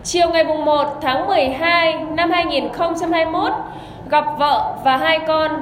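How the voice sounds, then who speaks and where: A woman reading a formal, measured official announcement as a commune radio announcer over a public loudspeaker. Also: very high voice. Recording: echoey loudspeaker, long reverb, background noise.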